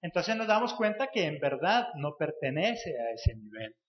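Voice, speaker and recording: A man's voice: a little high, sing-song, normal speed. A man preaching a sermon, firing rhetorical questions at the congregation and repeating phrases for emphasis. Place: church. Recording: echoey, dull lo-fi church recording.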